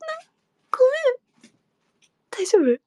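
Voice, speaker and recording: A young woman chatting casually with fans on a livestream, giggling and dropping into soft murmurs and whispers. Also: takes it slowly, no echo, clean studio sound. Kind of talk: casual chat.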